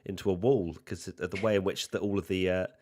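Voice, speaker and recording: A man's voice: low voice, steady tone, quick pace, darkish tone. A man hosting a motorsport livestream, giving casual commentary and informally talking himself through tasks with dry teasing. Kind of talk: casual live commentary and chat.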